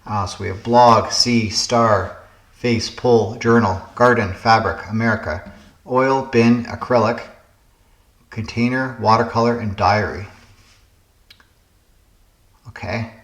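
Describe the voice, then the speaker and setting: A man's voice: lowish voice, steady tone, takes it slowly, pauses often, fairly bright tone, echoey room. A man hosting a puzzle game channel, casually thinking aloud through word puzzles, musing and hesitating as he guesses.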